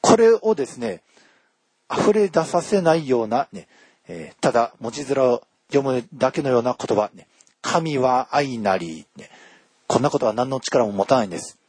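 Husky, lively-voiced male preacher. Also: mid-range voice, no room sound. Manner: emphatic, drawn-out phrasing with frequent tag particles. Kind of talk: sermon.

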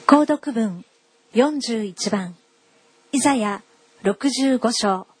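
A woman leads worship with a fairly high, slightly husky voice. She reads scripture at a slow, measured and formal pace. The sound is dry and close. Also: no echo. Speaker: worship leader. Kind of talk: liturgical reading.

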